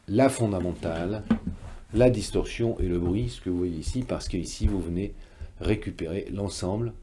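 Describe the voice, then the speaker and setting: A man with a lowish, mellow voice gives a technical tutorial, teaching carefully and rephrasing each step as he goes. He's an electronics teacher and presenter, and there's a little hiss or hum on the recording.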